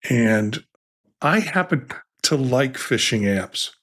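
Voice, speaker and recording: Man, tech podcast co-host, casual chat, rambling, restarts sentences, mid pitch, podcast mic. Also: lively intonation, slow pace, a bit bright. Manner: rambling, with many restarts and asides.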